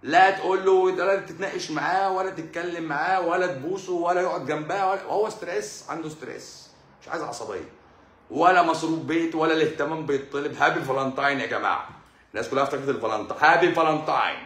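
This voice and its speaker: A man's voice: on the high side, rapid-fire, fairly bright tone, echoey room. A man with an Egyptian accent, a doctor talking casually to his audience in a sarcastic, mocking way, full of rhetorical questions. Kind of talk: casual live monologue.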